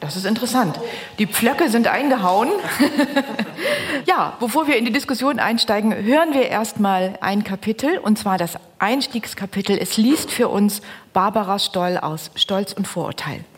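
A woman hosting a radio literature show, moderating in a brisk, friendly way. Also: medium pitch, animated, husky. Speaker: host.

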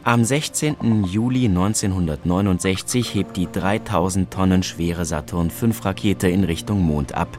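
A man's voice: sits low, normal speed, hardly any pauses, darkish tone. A man reading scripted narration as the narrator of a historical documentary. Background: music.

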